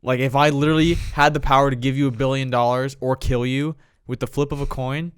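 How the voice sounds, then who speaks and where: A man's voice: medium pitch, steady tone, fairly quick, smooth, no room sound. Blunt young man, clean dry sound. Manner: contrary, blunt, questioning. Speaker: podcast co-host. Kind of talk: casual podcast banter.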